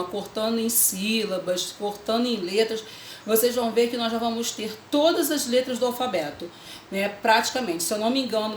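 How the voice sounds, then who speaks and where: A woman's voice: medium pitch, a little hiss or hum. A woman teacher, patiently explaining a literacy lesson to parents step by step, often checking in. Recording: echoey room with faint ambience.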